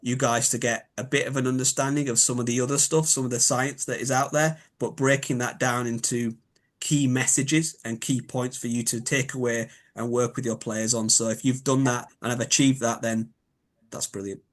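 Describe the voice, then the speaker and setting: Yorkshire man, expert guest, mid pitch, thoughtful, rephrases on the fly. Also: flat delivery, moderate pace. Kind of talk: explanatory interview talk.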